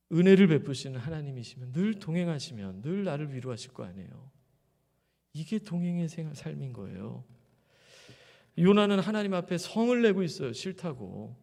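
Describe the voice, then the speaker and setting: A male pastor preaches a Sunday sermon with a mellow, dark tone. He keeps asking the congregation questions, drops into quiet low asides, then rises loud for emphasis. His voice rings with the long reverb of a big church hall. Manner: addresses the congregation directly with rhetorical questions. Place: church sanctuary.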